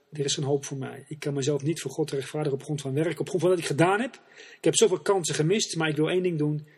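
A man's voice: fairly high pitch, darkish tone, slightly rough. A man voicing a poor male beggar who humbly confesses his failures and his faith, in a sermon parable.

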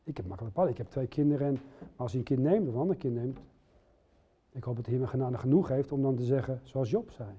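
A man's voice: mid-range voice, fast talker, dark tone, husky. A middle-aged man preaching a sermon, speaking earnestly and putting direct questions to his listeners. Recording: dull lo-fi recording.

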